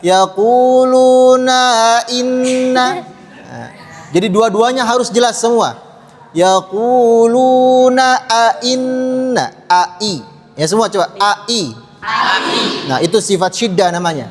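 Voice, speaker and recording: A man's voice: high voice, animated, moderate pace, long pauses, a bit bright, soft background music. A man teaching a Quran pronunciation lesson to children, patiently drilling sounds and having the class repeat after him. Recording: long hall reverb.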